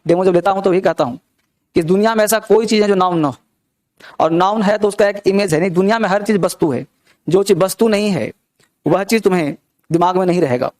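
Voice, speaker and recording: High-voiced man teaching a grammar class. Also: darkish tone, dry recording, studio quality. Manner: explains step by step with many rhetorical questions. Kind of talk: classroom lesson.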